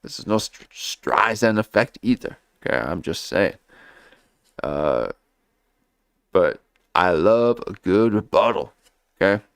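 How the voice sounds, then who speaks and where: A man drawls slowly through a casual livestream, his low voice grainy with fry. He wanders from thought to thought and keeps tacking on "okay?" The sound is dry and close. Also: expressive, no echo. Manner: rambling, fills nearly every pause with "okay?". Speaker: livestream reaction host. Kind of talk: casual rambling livestream commentary.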